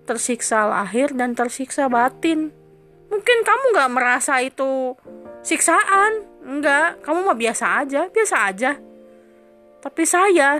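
A woman with a high, bright-toned voice delivers a wounded, accusing monologue to her husband. She presses each grievance with indignant repetition. Soft music plays faintly behind her. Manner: insistent repetition. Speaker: wife confronting her husband. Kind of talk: emotional dramatic monologue.

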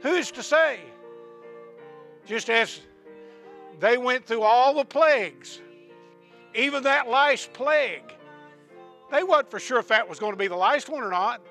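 A man preaching a sermon, repeating questions to the congregation and ending in a hushed prayer. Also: extremely high pitch, animated, a little slow, long pauses, faint music behind. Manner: rising to shouts of praise, then hushed prayer.

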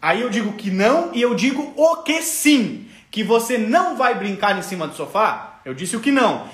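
High-voiced Brazilian man teaching parents. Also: normal speed, roomy sound. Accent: Brazilian Portuguese. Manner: animated, acts out parents' and children's voices; explains step by step, often checks in with "ok? tá?". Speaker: parenting educator. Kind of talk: live parenting lesson, answering viewer questions.

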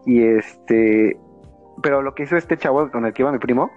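A man with a Mexican accent, telling a story in casual chat, animated and slangy, with a lot of swearing. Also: medium pitch, normal speed, highs cut off, soft background music. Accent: Mexican Spanish. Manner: animated, slangy and profane, acts out quoted voices.

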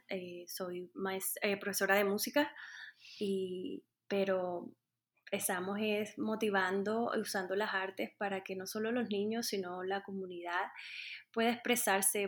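Earnest coastal woman, halting. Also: mid-range voice. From Colombia, Caribbean coast. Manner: earnest, halting, with many fillers and restarts. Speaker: interview guest, music teacher. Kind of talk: casual interview answers.

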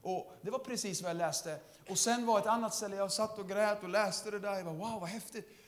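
Lively high-voiced young preacher. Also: male voice. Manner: lively storytelling, laughing often, shouts to the crowd. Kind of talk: testimony sermon.

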